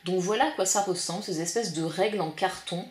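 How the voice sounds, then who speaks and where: A woman's voice: fairly low pitch, fairly quick. A woman vlogger chatting casually and enthusiastically about her craft supply haul, with lots of fillers. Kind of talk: casual haul show-and-tell. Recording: echoey room with faint noise.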